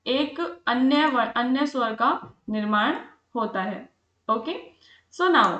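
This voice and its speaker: A woman's voice: on the high side, fairly bright tone. Patient woman tutor, roomy lo-fi sound. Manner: patient, repeats points and asks checking questions. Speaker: exam-prep tutor. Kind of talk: explaining lesson, mixing Hindi with English. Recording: roomy lo-fi recording.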